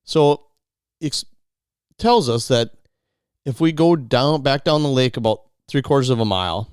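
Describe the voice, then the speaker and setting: Rambling through an outdoor survival tale on his podcast, this man keeps restarting and repeating words and voices other people's lines himself. He has a mid-range, expressive, smooth voice and an unhurried pace, captured in clean studio sound without room tone.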